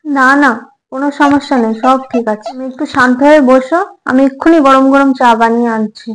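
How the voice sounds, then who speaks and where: A woman acting a nervous young wife in a comic home drama who keeps soothing her hot-tempered husband. Her voice sits high, coaxing and apologetic. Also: a little fast, natural voice, low-quality recording. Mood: placating. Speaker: short-drama actress.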